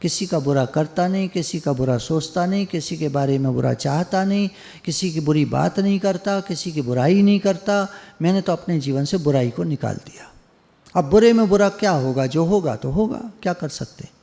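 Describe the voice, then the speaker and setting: Gravelly-voiced man giving a devotional talk. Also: a little high, animated, normal speed, dark tone, big-room sound. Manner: conversational, teasing, acts out quoted callers. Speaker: spiritual teacher. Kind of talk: devotional discourse. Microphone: online video call.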